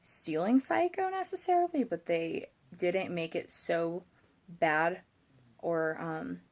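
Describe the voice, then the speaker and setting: Tired young woman vlogging, kinda low creaky voice, slightly thick swollen-tongue speech, rambles and hesitates. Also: animated, slow pace. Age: young adult. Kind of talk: casual chat to camera.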